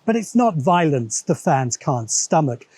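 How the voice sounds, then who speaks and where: This man's voice is on the high side and sing-song, somewhat dark with a breathy edge, and he talks a little slowly, with no echo but music behind him. He hosts a science fiction commentary show, delivering a scripted video essay that is opinionated and dryly sardonic.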